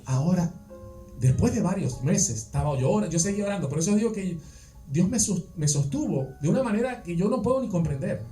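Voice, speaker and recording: A man's voice: sits high, mellow. A man preaching a sermon in a conversational way, asking his listeners rhetorical questions. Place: church. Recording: echoey church, distant mic, faint music.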